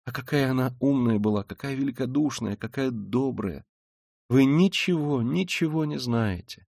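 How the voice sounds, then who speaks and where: A man reading an audiobook, voicing a timid, pious young woman who talks in a hurried, pleading way. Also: medium pitch, darkish tone, no room sound, studio quality, voice pushed up, lightly acted. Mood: anguished. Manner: hurried, breathless, rising into agitated pleading.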